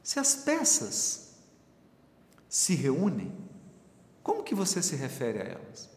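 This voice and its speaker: A man's voice: on the high side, wildly swooping pitch, slow, a little mellow. A man teaching a Bible study, explaining with everyday examples and asking his listeners questions. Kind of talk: spiritual teaching talk. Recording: echoey hall with faint room noise.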